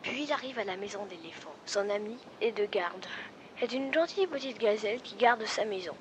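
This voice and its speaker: A woman improvising a story about forest animals, halting and restarting as she goes. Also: mid-range voice, lively intonation, noisy background.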